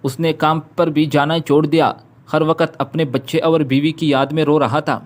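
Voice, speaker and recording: A man's voice: fairly high pitch, flat delivery. A man telling an emotional, dramatic story as a storyteller, reading the characters' lines within his narration.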